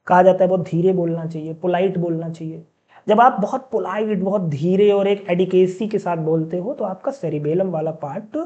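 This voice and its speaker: A man teaching a class in a casual, chatty way, often asking the students questions and slowly reading out English lines. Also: sits high, warm tone, muffled recording. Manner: mixes in read-out English sentences, slowly. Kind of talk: classroom lecture.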